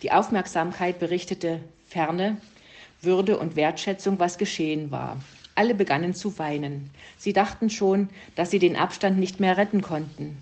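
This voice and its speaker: A woman calmly reading a German story aloud to listeners. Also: lowish voice, moderate pace. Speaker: reader.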